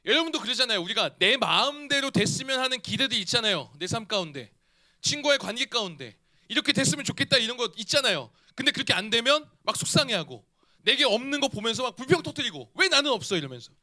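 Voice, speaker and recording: A man in his thirties preaching a youth sermon in a church. His voice sits high and bright and swings widely in pitch. He keeps asking his young listeners questions as he talks. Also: fast. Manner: animated, asks the listeners questions. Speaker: youth pastor.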